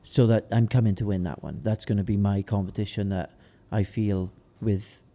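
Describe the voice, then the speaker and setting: Young male, Welsh Valleys accent, dark soft-edged voice, laddish casual podcast chat. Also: on the low side, fairly even intonation, normal speed. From South Wales valleys. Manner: laddish, sweary, colloquial. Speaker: podcast co-host, amateur bodybuilder.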